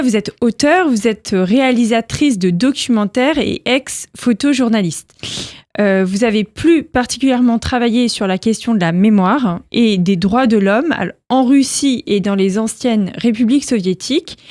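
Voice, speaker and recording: A woman co-hosting a radio show, presenting the topic and the guest in a clear, orderly way from prepared notes. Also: a little high, a little mellow, no echo, clean studio sound. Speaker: co-host. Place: radio studio.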